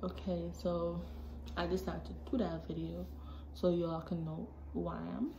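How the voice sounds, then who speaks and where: A Jamaican teenage girl vlogs casually to her phone camera held at arm's length, chatty and animated with quick asides, her voice sitting a little low for a girl. Her small bedroom lends an echoey ring, with faint background hiss.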